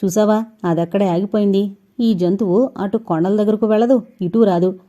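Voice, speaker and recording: A woman voicing a calm, decisive young man in an audio novel, in a dark, mellow voice on a dull lo-fi recording. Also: mid-range voice, moderate pace, lightly acted.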